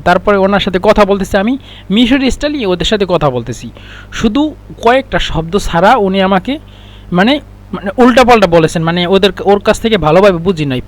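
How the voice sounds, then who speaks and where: In a relaxed spoken lesson, a man whose voice sits high teaches Arabic phrases. He takes each one slowly, explains it, and goes back over the examples.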